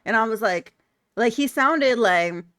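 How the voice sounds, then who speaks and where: A woman's voice: fairly high pitch, lively intonation, measured pace, fairly bright tone, dry recording, clean studio sound. A young woman streaming live, chatting candidly with her viewers, blunt and laughing often. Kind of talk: casual chat reading viewer comments.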